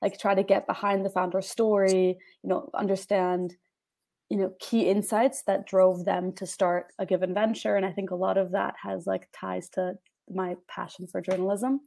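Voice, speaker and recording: Chatty young woman with a creaky voice. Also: medium pitch, level tone, normal speed, darkish tone. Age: 20s. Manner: chatty, with many "like" and "um" fillers. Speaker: panel guest, venture investor. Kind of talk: casual panel talk. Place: home room, indoors. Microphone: video call webcam.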